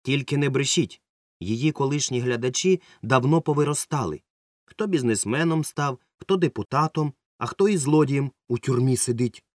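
A man's voice: mid-range voice, moderate pace, no room sound, studio quality, pitched above the performer's own voice, close to an everyday voice. A man voicing a stern, suspicious middle-aged woman yard-sweeper who is secretly a witch, in an audiobook. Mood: stern scolding. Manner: stern, scolding, sharp. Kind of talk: audiobook character voice.

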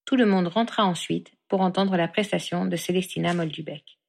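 A woman's voice: fairly low pitch, fairly even intonation, moderate pace, creaky. A woman narrating a fan-fiction novel as an audiobook, lightly voicing the characters' quoted lines.

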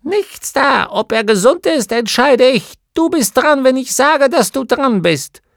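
A man's voice: extremely high pitch, lively intonation, a little slow, gravelly, fairly bright tone, no room sound, clean studio sound, voice pushed up, exaggerated voice. A man voicing a bossy old female gnome healer in an audiobook, with a scolding, nagging manner. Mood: commanding. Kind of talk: audiobook character voice.

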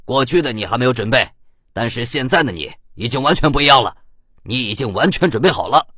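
A brash, scheming veteran gamer man, as a male reader puts him on, bellowing his boasts in a raised, high-pitched voice. The recording is close and dry. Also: huge pitch swings, quick pace, breathy edge, dry recording, heavily acted. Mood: blustering. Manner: shouting, boastful bluster.

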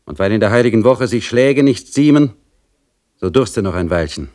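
A man's voice: on the low side, expressive, normal speed, darkish tone, voice pushed up, natural voice. A man voicing a harsh, mocking male jailer who taunts a prisoner in a taunting, raised voice.

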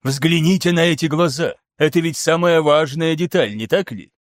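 A man voicing an excitable, theatrical male scholar who lectures insistently in an audiobook. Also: a little high, moderate pace, no echo, clean studio sound, natural voice. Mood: lecturing excitedly. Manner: animated, insistent, showy.

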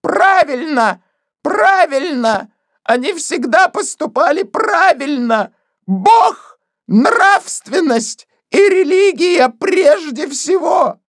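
A woman reading an audiobook, voicing a fanatical older woman who shrieks her words in slow, drawn-out cries. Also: high voice, expressive, dry recording, studio quality, voice pushed up. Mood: shrieking fury.

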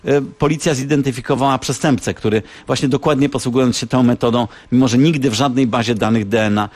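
A man's voice: mid-range voice, fairly even intonation, fast talker, darkish tone, dry recording. A man reporting as a radio correspondent, explaining things at length with hesitant fillers and restarts. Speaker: radio correspondent in the United States. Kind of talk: phone-in radio chat.

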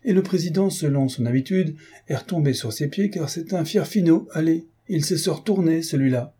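Unflappable old manservant, deadpan and sententious, dark husky voice, a man reading it. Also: medium pitch, normal speed, natural voice. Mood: resigned.

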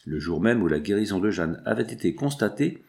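A man narrates a classic novel as an audiobook in a steady storytelling manner. His voice sits low and has a gravelly edge. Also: brisk. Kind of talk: reading a classic novel aloud.

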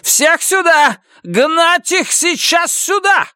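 A man voicing a furious, half-drunk prison major who shrieks orders at convicts in a high, strained voice. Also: animated, slow pace, sharp tone, no echo, studio quality, exaggerated voice. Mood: screaming. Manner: shrill screaming, barking orders.

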